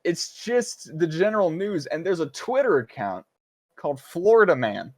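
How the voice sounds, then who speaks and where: A man co-hosting a casual voice-call podcast, excitable and swearing freely as he reads out headlines. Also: fairly high pitch, normal speed. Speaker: podcast co-host. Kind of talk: casual chat.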